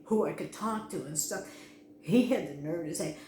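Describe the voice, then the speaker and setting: A woman's voice: fairly low pitch, moderate pace, darkish tone, a little hiss or hum. Anxious rambling woman in an echoey room. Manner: anxious, rambling, frequent restarts. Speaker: vlogger. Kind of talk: casual personal vlog. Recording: echoey room with faint ambience.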